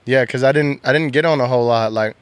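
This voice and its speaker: A young man from Texas, a bull rider, talking candidly and emotionally in halting, soft-spoken sentences. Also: mid-range voice, clean tone, no room sound. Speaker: professional bull rider, guest. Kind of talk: candid interview chat.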